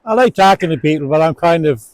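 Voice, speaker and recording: A man's voice: a little high, expressive, fast, no echo, poor audio. A man in his sixties with a Newfoundland accent, chatting outdoors in short, plain-spoken remarks. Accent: Newfoundland English. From Newfoundland, Canada. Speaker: co-host. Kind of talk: casual chat. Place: outdoors, with snow falling.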